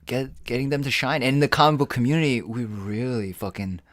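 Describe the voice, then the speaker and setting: A man co-hosting a podcast in casual chat, rambling and swearing freely as he thinks out loud. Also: mid-range voice, a little fast, no echo. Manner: rambling, profane, animated. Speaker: podcast co-host.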